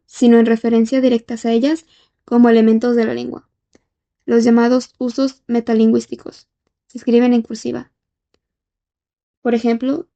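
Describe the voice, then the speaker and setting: A woman lecturing from her notes, her voice pitched a bit high with a dark, mellow tone. She slows down to spell out example words and fills pauses with "eh". The recording sounds dull and lo-fi. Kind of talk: reading lecture notes on Spanish orthotypography. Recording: dull lo-fi audio.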